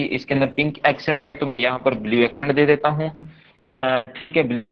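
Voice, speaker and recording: A man's voice: medium pitch, dull audio. A man leading a live online coding class, explaining step by step in a patient, repetitive way and checking in often with his students. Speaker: coding instructor.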